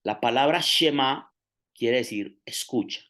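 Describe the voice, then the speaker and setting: A man's voice: mid-range voice, measured pace, pushed and bright. A man preaching a sermon, explaining step by step and stressing key phrases.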